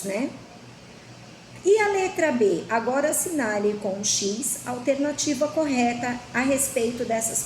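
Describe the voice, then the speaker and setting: Brazilian woman teacher, slightly high voice, slow and patient with kids, echoey room, faint noise. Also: darkish tone. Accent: Brazilian Portuguese. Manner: slow, patient, asks the class questions. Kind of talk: children's lesson.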